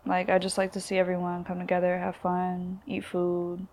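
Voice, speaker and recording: Laid-back young woman, gravelly voice. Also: fairly low pitch, completely flat delivery, moderate pace, darkish tone. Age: 20s. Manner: laid-back, lots of filler words. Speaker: guest, visual artist. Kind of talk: casual interview chat. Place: bedroom.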